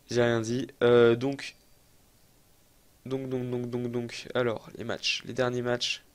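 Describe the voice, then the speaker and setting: Here a young male YouTuber rambles excitedly over a football management let's-play, poking fun at himself as he reasons things out. He speaks slowly in a smooth, mid-range voice.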